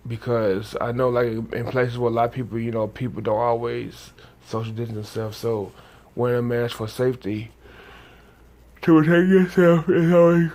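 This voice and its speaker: A man vlogging to his channel, reading a news item and then talking casually, sleepy and just woken up, with many halting restarts and fillers. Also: mid-range voice, little pitch movement, darkish tone.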